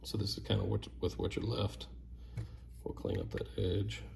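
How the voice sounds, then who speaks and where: A man's voice: lowish voice, steady tone, moderate pace, vocal fry, background noise. A man giving casual, plain-spoken how-to instructions step by step, as a craftsman sharing repair tips. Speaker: duck call maker giving repair tips.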